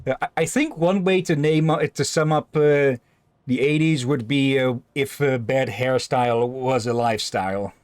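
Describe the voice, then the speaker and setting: Halting man doing casual gaming commentary. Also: medium pitch, a little mellow, no room sound. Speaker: gaming video host. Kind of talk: casual let's play commentary.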